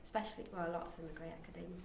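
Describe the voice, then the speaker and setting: An auditioning actor with a fairly low, creaky voice talks very fast in a steady tone, casually and unscripted, hesitating and correcting herself. She's in an indoor university room, recorded from a distance in a very echoey space with faint noise.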